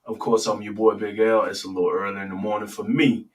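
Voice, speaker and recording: Male host, low early-morning radio voice, relaxed live sports chat, sits a bit off the mic. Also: fast talker, far from the mic, low-quality recording. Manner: relaxed, talks straight to viewers, asks for comments. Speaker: sports talk show host.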